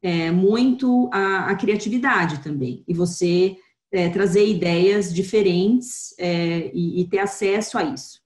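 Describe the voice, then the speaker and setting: A woman's voice: fairly low pitch, slow pace, a little mellow, echoey room. A woman in her thirties with a Brazilian Portuguese accent, a marketing director speaking as a guest over a video call, thoughtful with many hesitations.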